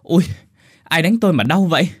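A man's voice: fairly high pitch, animated, normal speed, husky, no echo, studio quality, voice pushed up. A man voicing a frightened young man who cries out in fear in a story reading. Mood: panicked. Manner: crying out in fear.

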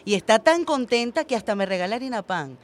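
A woman hosts a talk radio show from the studio. She pushes back on her caller with pointed questions, and she softens it with teasing terms of endearment. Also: a little high, expressive, fast talker. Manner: affectionate yet challenging, teasing. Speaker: radio host.

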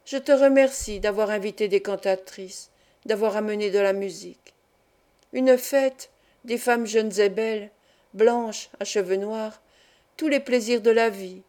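A woman's voice: mid-range voice, a little slow, dark tone, lightly acted. A woman reading the lines of a dying old nobleman, frail and domineering, who speaks in a weak, muffled, grumbling voice.

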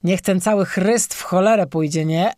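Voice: medium pitch, moderate pace, a little mellow, no room sound, studio quality, lightly acted. A narrator voicing a drunken bald peasant who howls and bellows pagan chants in an audiobook. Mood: rowdy drunk. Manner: howling, slurred bellowing. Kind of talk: audiobook character voice.

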